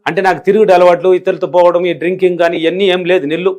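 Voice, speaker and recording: A man's voice: high-pitched, flat delivery, rapid-fire, darkish tone. A middle-aged man from a rural village, answering interview questions as a spiritual teacher in an emphatic, repetitive way that drives each point home. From rural India.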